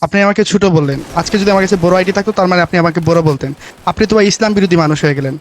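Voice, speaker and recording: A young man rattles off a pedantic, moralizing lecture at breakneck speed in a high voice. His mock-preachy rant runs over faint background noise. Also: rapid-fire. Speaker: gamer comedian lecturing a friend.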